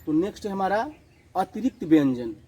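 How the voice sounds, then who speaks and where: A man teaching a children's grammar lesson, repeating each definition slowly, asking questions and answering them himself, and mixing in English words. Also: high-pitched, lively intonation, mellow, slightly rough, low-quality recording. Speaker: school teacher.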